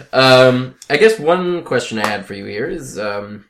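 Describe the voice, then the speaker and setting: A young podcast host chatting casually, playful and hesitant, full of fillers. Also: medium pitch. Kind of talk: casual chat.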